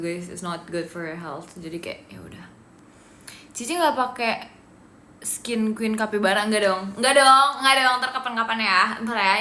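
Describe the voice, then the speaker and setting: Brief: young Indonesian woman, idol livestream host, bright higher voice, teasing and giggly, echoey room on a phone mic. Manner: playful, teasing, giggly, drops in English phrases. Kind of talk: casual livestream chat reading viewer comments. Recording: echoey room with faint noise.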